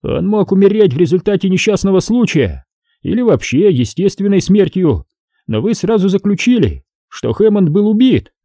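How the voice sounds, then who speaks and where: A man voicing a sneering, smoking male police officer who needles a suspect in a high, mocking voice. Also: very animated, moderate pace, mellow, no room sound, clean studio sound, exaggerated voice. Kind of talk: audiobook character voice.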